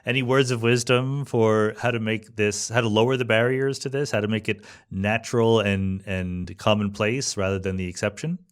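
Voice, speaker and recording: Resonant and clear, this American man's lowish voice moves at a moderate pace with fairly even intonation and hardly any pauses. He hosts a podcast, interviewing guests with thoughtful, informal, conversational questions.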